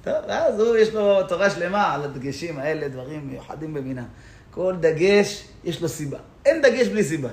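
A man teaching a Torah class in a synagogue, explaining points of law in an animated way and laughing as he tells stories. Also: fairly high pitch. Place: synagogue hall. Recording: echoey room.

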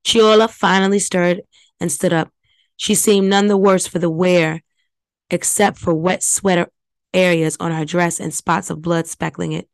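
A woman's voice: fairly low pitch, little pitch movement, a little slow, no room sound. A woman narrating a scary story for a podcast, reading plainly with casual asides to listeners. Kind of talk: audiobook reading.

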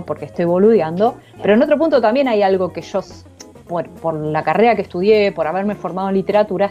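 A woman's voice: on the low side, darkish tone, dull audio. A woman with an Argentine accent, an author talking casually about her book in an interview, slangy and thinking aloud. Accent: Argentine Spanish. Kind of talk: casual conversation.

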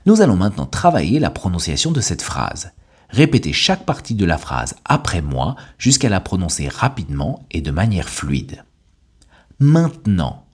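A man with a deep, slightly husky voice gives a scripted language lesson. His pitch rises and falls in a lively way, and he speaks each word clearly and deliberately, like a teacher guiding learners. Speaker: French teacher and podcast host.

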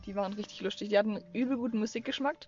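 A young woman co-hosting a vlog, chatting and adding to her friend's stories. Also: medium pitch. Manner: quick, chatty, chimes in on the other's stories. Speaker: vlogger. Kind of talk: casual chat. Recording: lo-fi dull sound, faint music.

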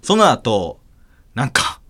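A man with a Kansai accent, hosting a podcast and telling a story in a casual, animated way, acting out voices and laughing often. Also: mid-range voice, takes it slowly. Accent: Kansai Japanese. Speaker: podcast host.

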